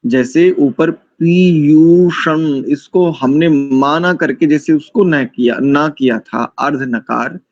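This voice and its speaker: Hindi accent man teaching chanting, slow syllable by syllable, dull online audio. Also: a little high, darkish tone, no room sound. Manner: slow, syllable-by-syllable pronunciation drills. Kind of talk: online class on Vedic recitation.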